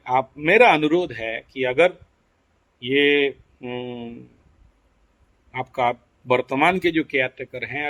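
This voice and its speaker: Lecturing man with a higher voice. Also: fairly bright tone. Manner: mixes in English phrases, asks rhetorical questions. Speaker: astrology teacher. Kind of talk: explanatory lecture.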